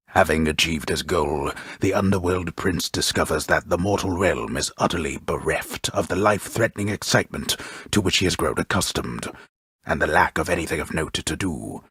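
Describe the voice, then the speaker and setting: A man voices a grave, grandiose storyteller of the underworld for a game, using an extremely low, heavily husky, gravelly voice that is a bit bright. His delivery is measured and formal, laced with dry, wry mockery, as a full character voice. It is miked close, with a dry recording and no room sound.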